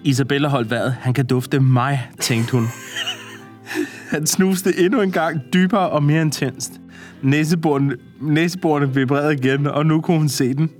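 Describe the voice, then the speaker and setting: A man's voice: fairly high pitch, soft background music. A man reading a story aloud to a co-host, often breaking into laughter and adding comments. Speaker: podcast co-host.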